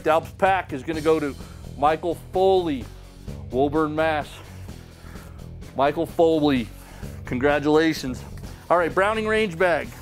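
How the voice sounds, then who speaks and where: In a wood-paneled room, a middle-aged man with a slightly high voice hosts a membership sweepstakes drawing. Announcing casually to camera, he's folksy and upbeat as he reads out the winners and their towns.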